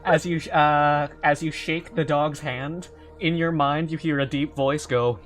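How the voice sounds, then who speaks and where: A man's voice: fairly high pitch, level tone, measured pace, a bit bright. Casual male game master over music. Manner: informal, sweary. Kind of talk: casual improvised tabletop game narration.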